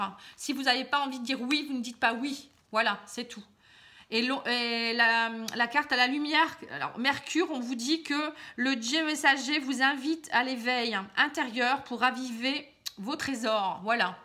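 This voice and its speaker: A woman doing a casual card reading, chatty and gently advising the viewer, with many filler words. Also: high-pitched. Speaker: card reader. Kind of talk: casual tarot reading to camera.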